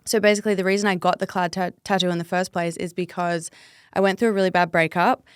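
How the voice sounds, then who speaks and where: A woman's voice: fairly low pitch, steady tone, fast talker, smooth, no room sound, clean studio sound. An Australian woman in her thirties from Melbourne, chatting openly as a podcast guest and saying 'like' a lot. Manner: chatty, open, uses 'like' often. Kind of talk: casual interview chat.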